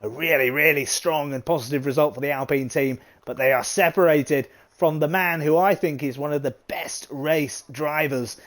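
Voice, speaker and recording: A man giving live commentary on an online racing league, excitable and chatty with plenty of fillers. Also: fairly high pitch, normal speed, few pauses. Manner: excitable, chatty, British turns of phrase, frequent fillers. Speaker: race commentator.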